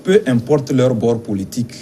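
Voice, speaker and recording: A man from Togo representing a teachers' union, answering interview questions in a measured, insistent way with some hesitations. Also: mid-range voice, animated, mellow, slight background noise.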